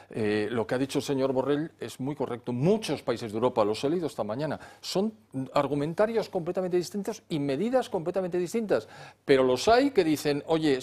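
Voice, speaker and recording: A man's voice: a little high, darkish tone. A man on a political panel, making a sardonic argument with rhetorical questions. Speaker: political commentator.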